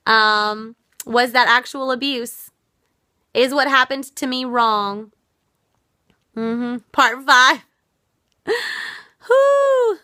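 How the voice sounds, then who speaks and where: Hosting a casual live stream, a woman from the US responds to viewer comments earnestly and reflectively, her worn-out voice failing her. She sounds high, animated, pushed, and bright, talking very slowly with frequent pauses. The sound is dry and cleanly studio-recorded.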